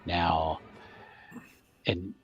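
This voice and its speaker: A man's voice: deep voice, flat delivery, drawn-out words, muffled recording. A man acting as game master, narrating a tabletop horror game to his players. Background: music.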